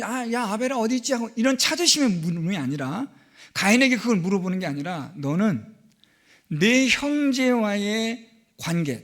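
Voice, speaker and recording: High-voiced Korean pastor preaching earnestly. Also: male voice. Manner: earnest preaching, acts out quoted lines with rising emphasis. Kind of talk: sermon.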